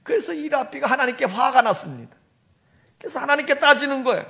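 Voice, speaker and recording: High, animated woman preaching. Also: quick pace, vocal fry. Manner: storytelling, addresses congregation, leads call-and-response. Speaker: senior pastor. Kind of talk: sermon.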